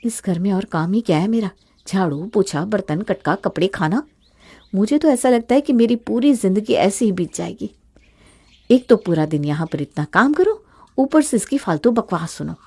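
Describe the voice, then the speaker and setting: A woman voicing an overworked, resentful young daughter-in-law in an animated story, speaking sharply and sarcastically. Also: medium pitch, moderate pace, breathy edge.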